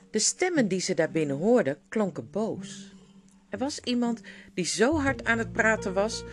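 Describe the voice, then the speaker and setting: An audiobook reader narrating a children's fantasy story in a steady storytelling voice, with guitar music underneath. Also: mid-range voice. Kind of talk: scripted narration.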